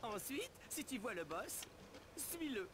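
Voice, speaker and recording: A man's voice: extremely high pitch, sing-song, takes it slowly, heavily acted. A man voicing a brainy young male cartoon turtle in a video game, giving a precise, fussy, earnest mission briefing. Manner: fussy, articulate, instructional briefing. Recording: game audio with clear background noise.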